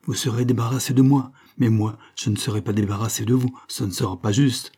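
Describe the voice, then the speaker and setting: A man's voice: medium pitch, steady tone, fairly quick, dark tone, breathy edge, natural voice. A man reading the part of a proud young woman who answers firmly and defiantly. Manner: firm and defiant.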